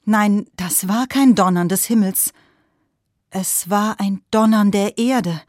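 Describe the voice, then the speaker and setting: A woman storyteller telling a folktale aloud, expressive and speaking to her listeners directly. Her voice sits in a middle range for a woman. The sound is dry and close, with no room around it. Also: medium pitch, slow, no room sound.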